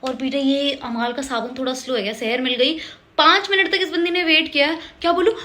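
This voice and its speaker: Woman doing a casual show review, pretty high voice, gets dramatic and keeps repeating herself. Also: fairly quick, bright, forceful tone. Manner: emotional, switches between Hindi and English mid-sentence.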